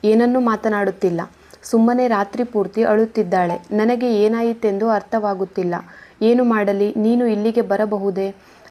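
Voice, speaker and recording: A woman's voice: medium pitch, steady tone, moderate pace, dark tone, natural voice. A woman reading the lines of a worried middle-aged mother who asks question after question. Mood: pleading. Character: anxious middle-aged mother pleading for answers.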